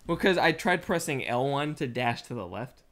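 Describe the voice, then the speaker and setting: Low-voiced sardonic young woman gamer. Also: lively intonation, normal speed. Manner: sardonic, blunt, swearing. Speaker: let's play co-host. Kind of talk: casual gameplay chat.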